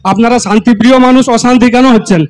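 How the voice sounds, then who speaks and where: A man, moderating a village gathering over a microphone, repeatedly and politely asking people to sit down and be quiet. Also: very high-pitched, fairly even intonation, fast talker. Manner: pleading, repetitive, polite appeals. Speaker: moderator calming the crowd. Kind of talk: crowd control over a microphone.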